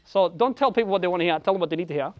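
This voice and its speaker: A man's voice: high-pitched, muffled recording. A man with an Australian accent giving a blunt, profane motivational talk to an audience, barking emphatic commands. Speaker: keynote speaker.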